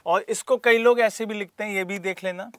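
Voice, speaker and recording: In this exam-prep classroom lecture, a male geography teacher asks rhetorical questions and calls on students by name. His voice sits high and a little bright, holding a steady tone while he moves at a brisk clip.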